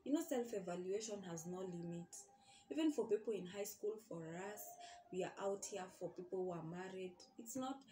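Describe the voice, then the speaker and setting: A young woman vlogging about friendship, her voice mellow and warm at a middle pitch. She speaks earnestly, firing off questions and circling back to repeat her points, over a faint hiss of background noise. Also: a little fast, roomy sound. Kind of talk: casual advice monologue.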